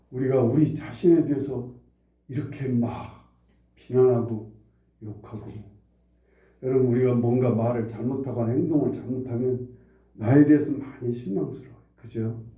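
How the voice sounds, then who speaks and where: A man's voice: mid-range voice, reverberant, distant mic, muffled recording. A male pastor preaching a sermon, who repeats phrases for emphasis and asks the congregation questions. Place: church sanctuary.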